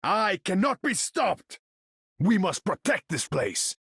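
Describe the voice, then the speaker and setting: Voicing lines for a video game's imperious, commanding warrior king of the seas, a man uses an exaggerated, high, slightly bright voice with a husky grain and a sing-song lilt that makes huge melodic swings. His formal declamation is slow, regal, pompous, and theatrical, recorded close and dry with no echo.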